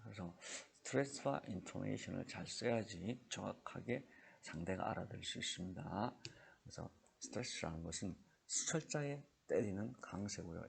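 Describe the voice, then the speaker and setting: A middle-aged male teacher giving an English lesson in slow, patient speech, modeling drill sentences for students to repeat. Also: deep voice, vocal fry. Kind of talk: classroom lecture.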